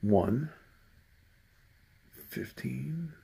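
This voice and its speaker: A man with a gravelly, husky voice mutters dry, sarcastic remarks as he works through scratch tickets. His talk is loose and unhurried, half to himself and half to his viewers. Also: medium pitch, lively intonation, mellow. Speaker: channel host. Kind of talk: casual running commentary while scratching lottery tickets.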